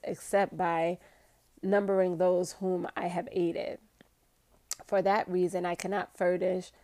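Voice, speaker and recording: Woman host reading a book aloud, slow and unhurried, low-pitched, excitable asides and word stumbles. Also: dry recording. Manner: excitable, chatty, stumbles over hard words.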